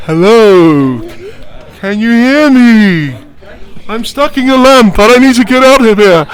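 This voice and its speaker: An actor playing a boisterous male genie trapped in a lamp, calling out in a loud, high, theatrical pantomime voice. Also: lively intonation, unhurried. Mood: pleading. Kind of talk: pantomime character voice.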